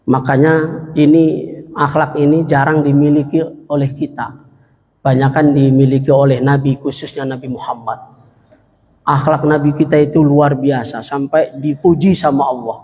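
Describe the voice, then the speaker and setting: A man's voice: on the high side, level tone, moderate pace, a little mellow. A man preaching a humorous sermon in a mosque hall, joking and acting out little exchanges, and drawing out Arabic verses in a chant. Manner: jokey, acts out little dialogues. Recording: echoey hall.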